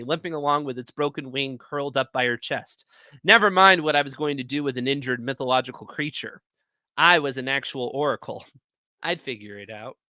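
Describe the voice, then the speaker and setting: Bright-voiced man reading stories aloud. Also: mid-range voice, no room sound. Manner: lively expressive reading. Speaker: host.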